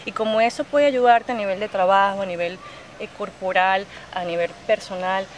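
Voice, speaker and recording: A Chilean woman in her thirties with a Venezuelan Spanish accent speaks at a normal speed in a medium-pitched, steady voice. She's a yoga instructor being interviewed outdoors beside a park lake, gesturing animatedly with her hands and restarting often. The audio is poor, with outdoor noise behind her.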